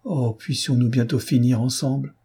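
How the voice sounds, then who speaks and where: A man's voice: medium pitch, fairly even intonation, normal speed, dark tone, slightly rough. A male reader voicing a heartbroken young woman in an audiobook, speaking in anguished, impassioned outbursts.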